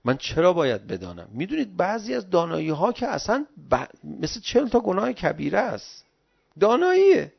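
Animated gravelly man giving a sermon. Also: high-pitched, hardly any pauses. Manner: animated, pleading and exclamatory. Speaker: religious lecturer. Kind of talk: sermon-like religious talk. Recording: dull lo-fi recording.

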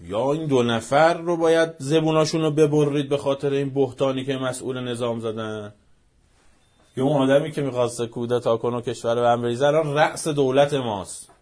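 Male speaker, mid-pitched, fiery rhetorical delivery that drops to near-whispers between outbursts. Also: fairly even intonation. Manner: fervent, rhetorical, swings from shouting to near-hushed. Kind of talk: impassioned speech.

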